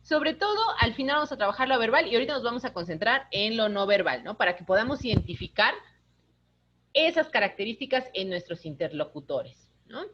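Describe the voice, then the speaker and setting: A woman, an instructor giving a lively online lecture, talking with her hands. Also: a little high, brisk, dull audio, slight background noise. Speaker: course instructor.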